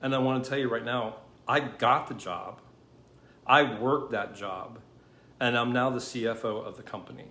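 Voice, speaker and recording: A man voicing a grateful woman who was once desperate and is now successful, spoken softly and earnestly in a roomy space. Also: mid-range voice, normal speed. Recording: roomy with faint background noise.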